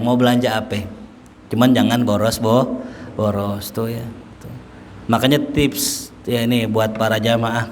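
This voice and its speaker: A man's voice: mid-range voice, in a large hall, slight background noise. A man preaching with a Jakarta Betawi accent, joking and acting out everyday scenes for his listeners. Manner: humorous, animated, acts out everyday scenes. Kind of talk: sermon.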